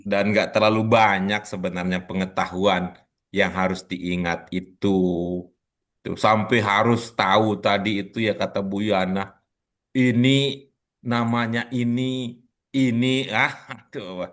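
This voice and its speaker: Chatty, bright-voiced male teacher on a call. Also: on the low side, fairly even intonation, slow pace. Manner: chatty, teasing, laughs often. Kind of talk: casual online class. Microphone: video call.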